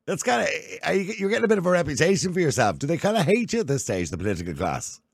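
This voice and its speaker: A man's voice: on the high side, very animated, racing, gravelly, breathy edge, dry recording, studio quality. An Irish man hosting a casual interview, chatty and teasing as he fires off questions. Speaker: host. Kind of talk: casual radio-style interview.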